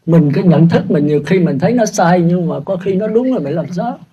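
An older Buddhist monk teaches in a loose, chatty way, poking fun at himself. His voice sits high and sounds husky and mellow. The recording is dull and lo-fi. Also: animated, brisk. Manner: chatty, self-mocking, laughs at his own jokes. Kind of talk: casual dharma talk.

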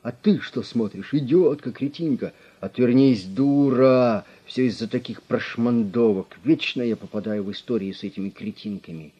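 A man voicing a sullen male crime boss who turns panicky and shrill, on a slightly muffled recording. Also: animated, moderate pace, hardly any pauses, a little mellow, close to an everyday voice. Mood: spiteful. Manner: sullen, then panicky and shrieking.

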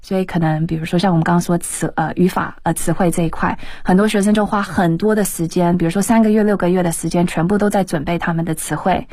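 A woman's voice: lowish voice, steady tone, fast, few pauses, a little mellow, slightly rough, no room sound. A woman who works as an exam examiner and teacher, explaining test tips as a guest on a radio talk show, with many hesitant fillers.

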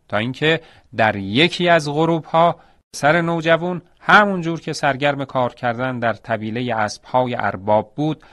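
A man's voice: medium pitch, a bit bright, no room sound, studio quality. A man narrating a folk tale for an audio story, dramatic and addressing his listeners directly.

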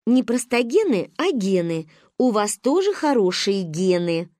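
A woman voicing a gentle, modest young mother in a storybook reading, speaking soft and a little lower than her narration. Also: big pitch swings, measured pace, no echo, studio quality.

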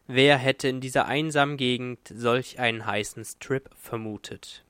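A man narrating a pulp novel as an audiobook, measured and drawn out at tense moments. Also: medium pitch, a bit bright, no echo. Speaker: audiobook reader.

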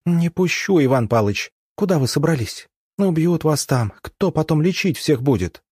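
A male audiobook reader lifts his voice into a young village hospital orderly, stubborn and pleading. Her urgent, insistent lines come out husky in a dry, close storybook recording. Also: on the high side, animated, moderate pace, dark tone, no room sound, voice pushed up.

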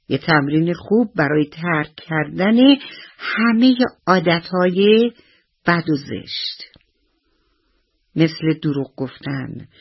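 A woman storyteller voicing a gentle, patient mother explaining things to her daughter in a children's radio story. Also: low voice, husky, heavily acted. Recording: dull lo-fi radio recording.

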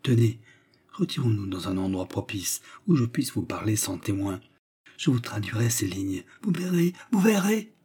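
A man voicing an excitable, lovestruck young male suitor who speaks in a breathy, theatrical way. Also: on the low side, moderate pace. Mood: excited.

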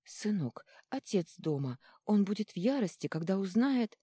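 A woman voicing a gentle, sorrowful noble mother who speaks softly but firmly. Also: mid-range voice, very animated, normal speed, slightly rough, no echo, clean studio sound, pitched above the performer's own voice. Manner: soft and sorrowful.

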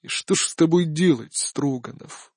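A man voicing a tired old emperor who speaks quietly and wearily. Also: a little high, moderate pace, dry recording, studio quality, natural voice. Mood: weary.

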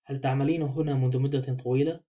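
Male reader voicing a mellow-toned, thoughtful older-gent detective, quick delivery. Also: medium pitch, steady tone, lightly acted. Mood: calm, probing. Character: fussy, thoughtful middle-aged male detective.

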